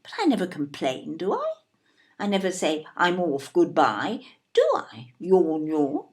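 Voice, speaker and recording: A woman voices a snobbish, indignant older English mother in an audio play, fussy and emphatic with an English accent, sounding aggrieved and disbelieving. She speaks a little slowly in a fairly low voice with huge pitch swings, repeating herself and using tag questions.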